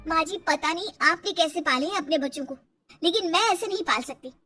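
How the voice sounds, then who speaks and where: A woman's voice: brisk, pushed and bright, faint music behind. A woman voicing an anxious, defiant young mother and daughter-in-law who pleads in a raised, upset voice in a storybook tale. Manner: high-pitched, pleading, upset.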